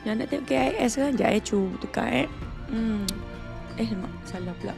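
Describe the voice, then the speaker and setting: A woman's voice: on the high side, fast talker, vocal fry. A woman with a Malaysian accent chatting casually and informally on a livestream. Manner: informal, chatty, uses local particles. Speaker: live game streamer. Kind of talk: casual livestream chat, mixing Malay and English. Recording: music behind the voice. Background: music.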